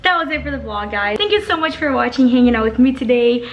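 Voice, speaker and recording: A woman's voice: a little high, animated, fast, lo-fi sound. Bubbly, chatty young woman vlogger. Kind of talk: casual vlog chat. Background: background music.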